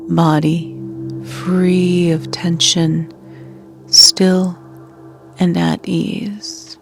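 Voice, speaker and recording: Over soft background music, a woman guides a yoga nidra meditation at a fairly low pitch with a level tone. She is hushed and soothing, breathy almost to a whisper, and pauses for long stretches.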